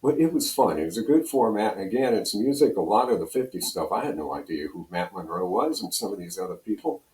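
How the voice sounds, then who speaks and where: Quick and expressive, an older Pennsylvania man with a lowish, darkish voice rambles through anecdotes as a radio interview guest, playing out the conversations he recalls. The recording is roomy and full of echo.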